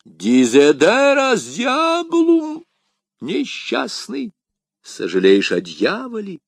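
A man's voice: high-pitched, huge pitch swings, slow pace, vocal fry, no room sound, studio quality, voice pushed up, exaggerated voice. A man voicing a stern, scornful Jesuit priest who lectures and scolds. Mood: scandalized. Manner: preachy, scolding, raised voice.

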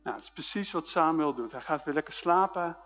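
A man's voice: a little high, brisk. A man preaching a sermon and retelling a Bible story in a personal, conversational way, in a dull recording with a long hall reverb.

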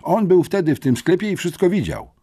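A man voicing a loud male policeman with a slightly crowing voice, speaking up for the boys in an audiobook. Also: sits high, lively intonation, a little fast, breathy edge, voice pushed up, heavily acted. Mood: vouching. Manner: loud, eager to vouch. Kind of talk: audiobook character voice.

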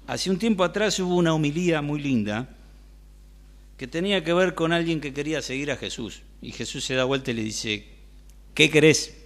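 Rioplatense guy preaching in church, gravelly voice, keeps asking the crowd questions. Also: on the high side, lively intonation, fairly quick. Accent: Rioplatense Spanish. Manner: conversational, asks the congregation questions. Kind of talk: sermon.

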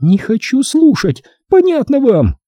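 A man putting on a shrill, hysterical young film star. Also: huge pitch swings, unhurried, mellow, no room sound, exaggerated voice. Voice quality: thin high girlish voice. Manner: shrill and screaming.

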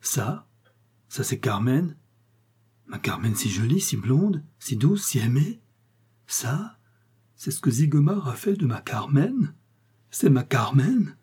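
A man voicing a grief-mad lover, wailing high. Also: slow, long pauses, dark tone, breathy edge, exaggerated voice. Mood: horrified. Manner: sobbing lament, rising to cries and wild laughter. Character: grief-stricken man mourning his dead beloved, turning mad. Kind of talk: audiobook character reading.

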